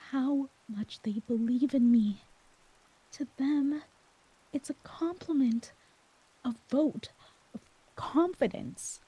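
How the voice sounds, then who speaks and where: An audio roleplay performer delivers an emotional ASMR monologue as an exhausted, anxious woman crushed by others' expectations, speaking softly, slowly and haltingly, often close to a whisper. Her high, slightly rough voice is exaggerated, moving from anxious and fragile to pained and pleading in a vulnerable delivery. The audio quality is poor.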